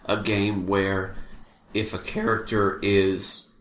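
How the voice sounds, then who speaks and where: A man's voice: fairly low pitch, flat delivery, takes it slowly, fairly bright tone. A man co-hosting a podcast in casual chat, agreeing with and building on his partner's points. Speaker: podcast co-host. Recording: roomy with faint background noise.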